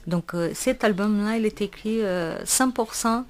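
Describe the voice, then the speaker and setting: A woman from Brazil with a Brazilian accent, a singer guesting in a radio studio, talking with laughter and halting French. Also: mid-range voice. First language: Portuguese. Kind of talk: casual interview chat.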